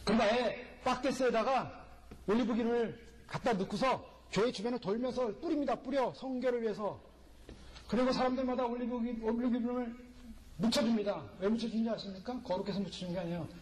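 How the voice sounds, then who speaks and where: A man's voice: very high voice, quick pace, darkish tone, low-quality recording. A male pastor preaching a sermon, delivering it emphatically and firing rhetorical questions at the congregation.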